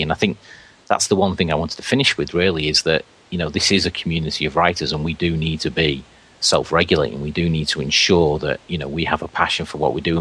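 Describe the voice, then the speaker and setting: Very deep-voiced Scouse man. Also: pushed and bright, breathy edge. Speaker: podcast guest. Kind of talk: casual podcast chat.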